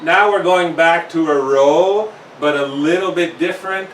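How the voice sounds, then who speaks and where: A male fitness instructor walks through a workout in slow, careful steps, a little winded between sets. His voice sits a bit high for a man. The sound comes from a camera mic some distance away in an echoey room. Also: a little hiss or hum. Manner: slow, step-by-step explaining. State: slightly winded.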